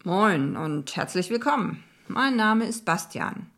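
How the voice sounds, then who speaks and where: A woman's voice: medium pitch, lively intonation, slow, gravelly, a bit bright, exaggerated voice. A woman voicing a friendly male sailing instructor in an audiobook, speaking upbeat and polite with a flirtatious edge. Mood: welcoming.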